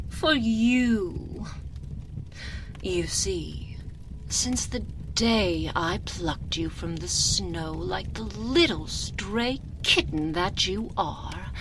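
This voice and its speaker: A woman plays an imperious, seductive, sinister vampire countess in a binaural ASMR roleplay, acting the character theatrically. Her medium-pitched voice is haughty and velvety, purring out drawn-out words that fade into breathy whispers. She's recorded on a close binaural microphone over a noisy background.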